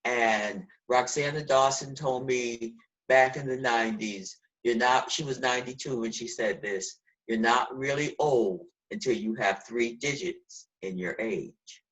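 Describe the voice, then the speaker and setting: A woman's voice: a bass voice, measured pace, rough recording. A woman in her sixties talking earnestly and preachily in a casual video call discussion, as host. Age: 60s.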